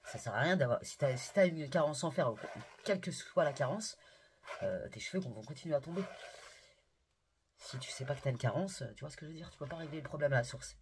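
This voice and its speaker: A woman chatting casually to her viewers in a vlog about hair care and shopping, slangy and quick to rant. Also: low voice, animated, a little hiss or hum. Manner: addresses viewers directly. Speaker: beauty and haircare vlogger.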